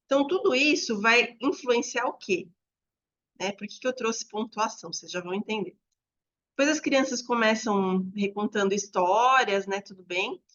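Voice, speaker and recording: Woman educator explaining to teachers, fairly high voice, slightly dull recording. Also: a bit bright. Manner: explanatory, demonstrates examples aloud.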